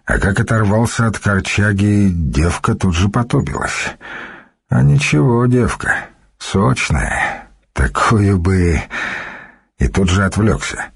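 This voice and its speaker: A man narrating a historical novel in a steady, measured storytelling voice. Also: fairly low pitch, breathy edge, dry recording, clean studio sound. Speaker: audiobook narrator. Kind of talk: scripted narration.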